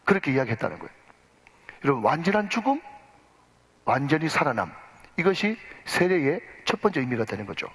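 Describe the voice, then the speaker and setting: A man's voice: on the high side, big pitch swings, a little fast, pauses often, fairly bright tone, slightly rough. A male pastor preaching a sermon, emphatic, addressing the congregation and leading them in responses. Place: church sanctuary. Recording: long church reverb.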